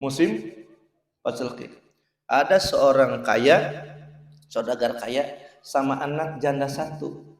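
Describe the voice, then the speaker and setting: A man preaching, telling a moral story with lively jokes and often addressing the listeners directly. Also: mid-range voice, takes it slowly, long pauses. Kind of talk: Islamic sermon storytelling. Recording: roomy, distant mic.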